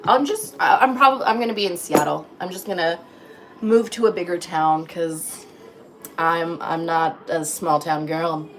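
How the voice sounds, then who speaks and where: A woman's voice: on the low side, fairly even intonation, measured pace, very noisy. A woman in her thirties chatting casually on a livestream from her home kitchen, greeting viewers by name. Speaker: livestream host. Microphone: phone.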